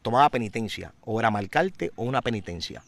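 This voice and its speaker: A man giving a personal testimony in an interview, a vivid, dramatic storyteller who grows louder and more intense. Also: fairly low pitch, animated, fairly quick, no echo.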